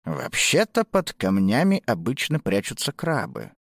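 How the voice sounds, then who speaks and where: A woman's voice: wildly swooping pitch, a little slow, dry recording, clean studio sound, heavily acted. A woman voicing a grumbling, puzzled old grandfather. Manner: low muttering grumble. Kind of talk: audiobook narration.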